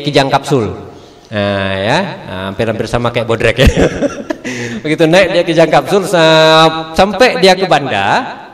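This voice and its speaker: A man, a religious teacher answering questions at a village prayer hall, telling a humorous story and acting out the people in it. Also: a little high. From Aceh, Indonesia. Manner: animated storyteller, acts out characters, laughs often. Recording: echoey hall with long reverb.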